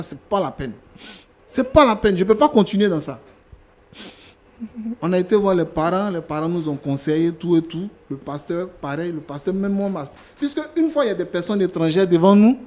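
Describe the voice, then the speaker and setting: A man plays a worn-out husband who has had enough of his wife. His voice sits high for a man, and he repeats himself with insistent, exasperated complaints. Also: darkish tone. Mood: weary. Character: fed-up husband leaving his wife for the maid. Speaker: husband in a staged couple-counseling show.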